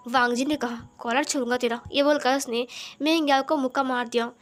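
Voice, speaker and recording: A woman's voice: sits high, steady tone, a little fast. A woman narrating a fanfiction story and reading out its quoted lines with raised force. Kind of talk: storytelling narration with acted dialogue. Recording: soft background music.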